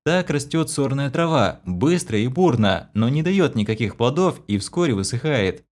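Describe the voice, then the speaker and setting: A man reading a fantasy novel aloud as an audiobook narrator, dramatic and measured. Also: mid-range voice, animated, darkish tone.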